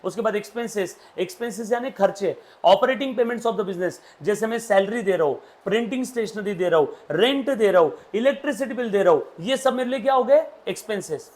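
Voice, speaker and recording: A man's voice: sits high, expressive, fairly quick, few pauses, darkish tone. A man, teaching accountancy to a classroom and drilling students with questions. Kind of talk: classroom lecture.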